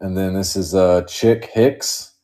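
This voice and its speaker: A man hosts a live card break stream, casually rambling, joking, and laughing often as he reads off the cards. His voice is low and dark, slow-paced, with fairly even intonation.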